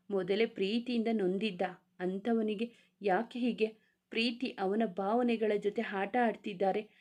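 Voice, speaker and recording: Read by a woman, a young wife in a family storybook tale speaks earnestly and indignantly. She is emotional and fiercely protective of her brother. Her pitch sits in an ordinary middle range. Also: dark tone, natural voice.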